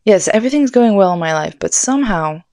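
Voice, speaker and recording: A woman's voice: mid-range voice, animated, fast talker, darkish tone, no echo, studio quality. A young woman hosting a podcast, telling a story in casual, rambling chat, swearing often and saying "like" a lot. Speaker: podcast host.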